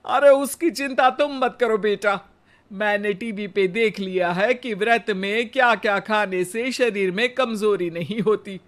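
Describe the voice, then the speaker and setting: This man voices an old henpecked husband in a comic cartoon moral tale, speaking slowly with a very high pitch and a fairly bright tone. The mood is teasing: he stays wry and sarcastic, needling constantly through mock pleading.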